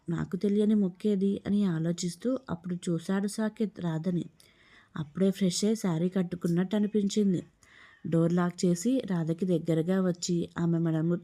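A woman's voice: lowish voice, dark tone. A woman narrating a family story, reading every role in her own voice.

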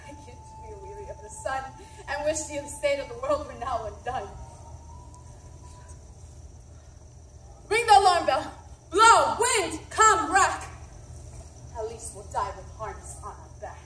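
A woman acts out a proud tyrant king facing his doom on a stage. He declaims in Shakespearean verse, veering between shouts and hushed murmurs in a high voice. The sound is distant and roomy, with faint noise behind. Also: fairly quick, hardly any pauses, natural voice. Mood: desperate. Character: doomed tyrant king, proud, weary, defiant.

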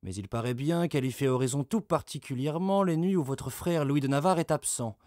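A man's voice: a little high, a little fast, no echo, studio quality, lightly acted. Man voicing a raging, blustering medieval lord. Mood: scheming. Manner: loud, coarse and vehement. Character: brawny furious medieval male lord, blustering.

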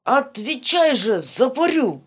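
A woman's voice: mid-range voice, expressive, slow pace. A woman voicing an angry, pompous old tsar in a fairy-tale reading. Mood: furious.

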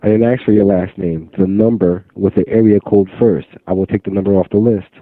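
Fast-talking polite man on a phone line. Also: sits low, steady tone, no echo. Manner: polite, formal. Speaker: customer service agent. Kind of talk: customer service phone call. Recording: tinny, band-limited telephone line.

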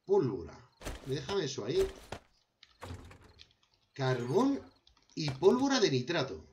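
This gameplay commentator, a young man from Spain with a Spanish accent, talks through his crafting in a survival game, half to himself and half to viewers he treats as friends. His slightly high voice swings hugely in pitch, and he takes it slowly. The tone is darkish, with slight background noise.

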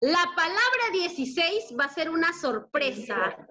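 A woman's voice: extremely high pitch, sing-song, normal speed, bright, forceful tone. A woman teacher leading an online class for children, dictating words syllable by syllable and praising her pupils cheerfully. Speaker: primary school teacher.

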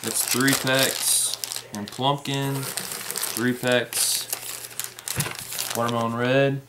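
A young man talks slowly through a casual unboxing vlog, naming each item as he opens it. His voice sits at a middling pitch, picked up by a camera across the table indoors. A steady hiss of noise and crinkling packaging run behind him. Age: young adult. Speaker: fishing tackle unboxer. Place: indoor room at a table with plants. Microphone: camera in front at table distance.

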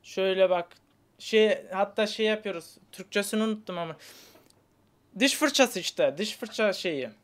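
Teasing woman messing with strangers on video chat, slangy and playful, plain middle pitch. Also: moderate pace. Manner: teasing, playful, slangy, mock magic-trick patter. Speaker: online video chat prankster. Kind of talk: casual trolling chat with strangers.

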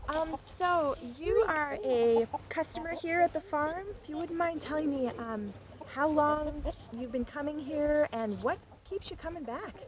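Woman interviewer, high lively voice, hesitant questions, outdoors, people nearby. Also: unhurried, crowd noise. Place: outdoors on a farm.

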